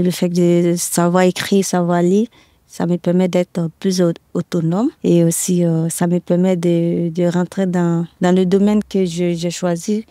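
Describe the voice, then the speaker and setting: A woman's voice: lowish voice, mellow, no echo, clean studio sound. An eighteen-year-old woman from the Ivory Coast answering interview questions hesitantly, with many fillers and repeated words. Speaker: podcast guest.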